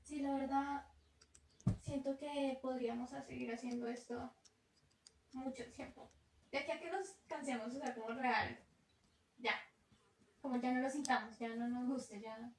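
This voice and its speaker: This young woman, a travel vlogger with a Colombian Spanish accent, talks unhurriedly in a high-pitched voice with fairly even intonation and long pauses. The casual chat is reflective and talkative, punctuated by easy laughter. Her room echoes, with faint noise.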